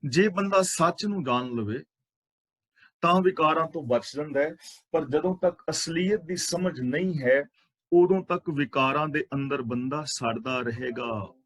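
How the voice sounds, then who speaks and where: A man with a Punjabi accent explaining scripture line by line, reciting verses slowly and then explaining them in plain words. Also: a little high, fairly bright tone, dry recording. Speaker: Sikh scripture teacher. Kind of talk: scripture exposition.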